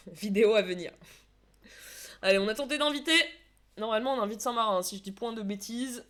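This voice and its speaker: A woman's voice: on the high side, moderate pace. A woman streamer, chatting casually with her viewers and casting a football video game match, with many fillers and restarts. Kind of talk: casual live-stream esports commentary.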